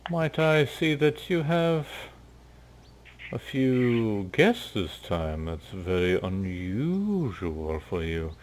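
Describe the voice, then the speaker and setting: A man voicing a smug, flamboyant male dark elf leader who drawls with theatrical courtesy. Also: lowish voice, slight background noise, exaggerated voice.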